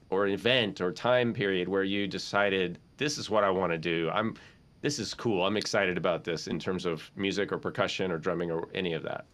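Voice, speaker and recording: A man's voice: mid-range voice, a bit bright. A man hosting an interview over a video call, easygoing and affirming, asking long rambling questions. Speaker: podcast host. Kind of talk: casual interview chat.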